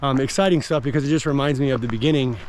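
A man in his thirties with an American accent talks casually to his vlog audience. His voice sits at an ordinary pitch for a man. Light ambient noise runs behind the speech. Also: rapid-fire, a little mellow, poor audio. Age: 30s. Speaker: vlogger and gym owner. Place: outdoors on forest trail, later inside a car. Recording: clear outdoor and vehicle background noise.

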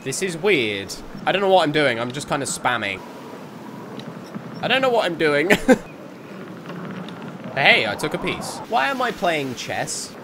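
A man's voice: on the high side, very animated, unhurried, long pauses, background noise. Jumpy man playing a horror game. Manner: jumpy, exclaiming, laughs often. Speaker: gaming youtuber. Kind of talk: let's play commentary.

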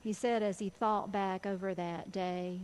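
A woman pastor with a Southern US accent, telling a story in a sermon with an earnest, measured delivery. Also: mid-range voice, fairly even intonation, darkish tone, smooth, rough recording.

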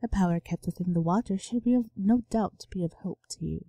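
A woman voicing a calm, mysterious salesman in a low, quiet, measured voice. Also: husky, no echo. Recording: game music underneath.

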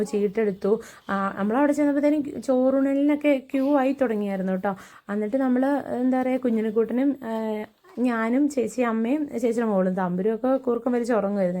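A woman's voice: medium pitch, dark tone. A woman in her thirties, a mother telling viewers a long personal story in a chatty vlog manner. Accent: Keralan Malayalam. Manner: chatty, often adds "kettō" tags. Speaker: vlogger, mother of a special-needs child.

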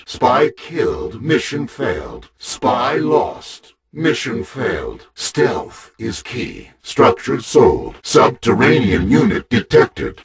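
A man voicing a cold, commanding male AI of a war faction in a video game, giving clipped status announcements with loud crowd noise behind. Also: fairly low pitch, gravelly, exaggerated voice. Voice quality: flat, mechanical, menacing.

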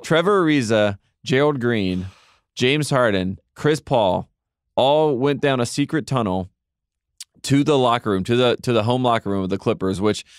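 A man's voice: mid-range voice, moderate pace, smooth, no echo, studio quality. A man co-hosting a podcast, telling stories in a wry, joking way in casual chat. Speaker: podcast co-host.

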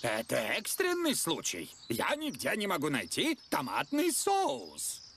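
A man's voice: sits high, wildly swooping pitch, a little slow, vocal fry, fairly bright tone, a little hiss or hum, full character voice. A man voicing a jolly, boastful, bumbling father pig in a children's cartoon, with a confident, jovial manner. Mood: urgent. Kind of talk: animated children's cartoon dubbing.

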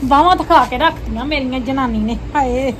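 A woman's voice: high voice, a little fast, a little hiss or hum, lightly acted. A woman playing a sighing, grumbling old mother-in-law. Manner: sighing, complaining, hushes others.

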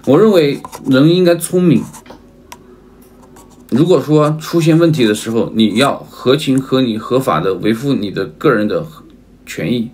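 This man sells on a livestream in a slightly mellow, mid-range voice with lively intonation and a normal pace. He calls his audience family, says things again and again with emphasis, and repeatedly asks for their agreement.

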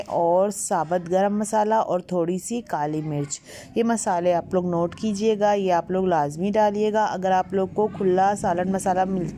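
A woman with a dark-toned, medium-pitched voice narrates a recipe for her home cooking channel. She keeps it chatty, guiding viewers through each step and repeating "ये देखिए" along the way.

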